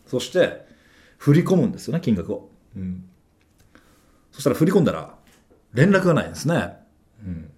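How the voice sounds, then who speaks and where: A man tells his own story in a relaxed, conversational monologue. His voice is dark and mellow, and his pitch swings widely as he goes. He keeps punctuating his thoughts with small affirming fillers. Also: normal speed, pauses often. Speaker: trader recounting his experience.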